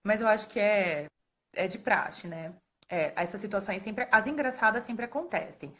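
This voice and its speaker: A woman in her thirties from Brazil, a librarian telling stories in a relaxed way, laughing often and acting out the voices of the people in them. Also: mid-range voice, moderate pace. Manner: animated, laughs often, acts out quoted voices. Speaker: guest speaker, librarian. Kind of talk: casual storytelling in a live talk. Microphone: phone or webcam on a live stream.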